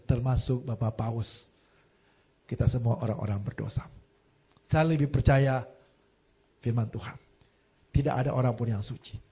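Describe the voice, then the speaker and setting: A man preaching a sermon as a pastor, telling lively stories with jokes and acted-out quotes, swinging between loud emphasis and soft asides. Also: mid-range voice.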